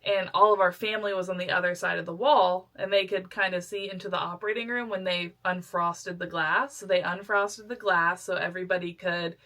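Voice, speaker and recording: A woman's voice: on the low side, steady tone, a little fast, few pauses, pushed and bright. A young adult woman, a podcast co-host, chatting casually and telling her story animatedly, acting out the voices of the people she quotes. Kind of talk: casual chat.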